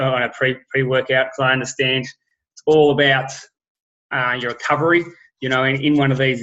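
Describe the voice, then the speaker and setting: A man presenting products in an upbeat sales pitch over a video call, with lots of ums and restarts. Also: a bit bright, highs cut off.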